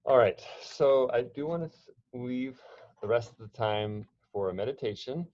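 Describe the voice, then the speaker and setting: A man's voice: mid-range voice, normal speed, darkish tone, muffled recording. A man presenting an online workshop, talking conversationally with frequent restarts and fillers. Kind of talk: online training talk.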